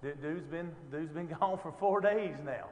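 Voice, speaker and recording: A man's voice: a little high, unhurried, big-room sound. A man teaching an informal Bible lesson, talking conversationally with lots of fillers and rhetorical questions.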